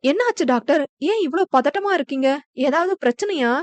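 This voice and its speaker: A woman's voice: sits high, lively intonation, a little fast, dry recording. A woman narrator voicing a young woman heroine who talks in a worried, tearful way. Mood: anxious.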